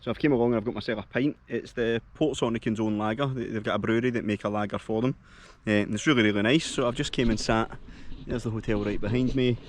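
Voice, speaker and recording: A Scottish travel vlogger walks around a lodge and lochside, chatting casually and enthusiastically in his Scottish accent, heavy on local slang. He talks fast in a lowish, steady voice, with slight background noise.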